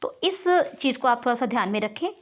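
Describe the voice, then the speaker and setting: Woman, online English teacher, high voice, patient step-by-step explaining, frequent check-ins. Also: animated, fast talker, fairly bright tone. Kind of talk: online grammar lesson.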